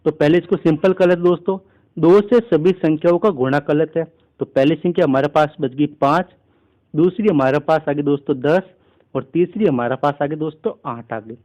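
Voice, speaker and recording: Fairly high-voiced man explaining maths. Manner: steady step-by-step explaining, keeps addressing listeners as friends. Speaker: maths teacher. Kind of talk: exam-prep maths lesson.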